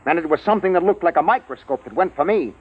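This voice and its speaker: A man's voice: a little high, lively intonation, fast talker, husky. An actor playing an urgent male major who leads a station through a crisis, in 1950s radio drama style on a tinny old broadcast. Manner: urgent, explanatory. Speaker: base officer and scientist.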